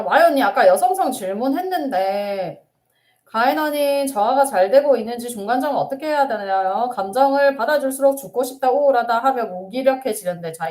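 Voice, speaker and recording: A woman's voice: on the high side, a little mellow. A middle-aged woman counselor answering viewer questions in an earnest, emphatic live-stream talk. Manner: earnest, emphatic, laughs and tears up while sharing.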